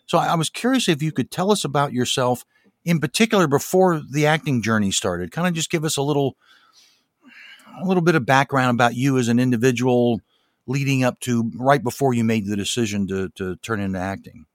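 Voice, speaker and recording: A man's voice: medium pitch, brisk, no echo, studio quality. A middle-aged or older man hosting a podcast, moving between presenting and interviewing a guest. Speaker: podcast host. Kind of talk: scripted podcast intro and interviewing.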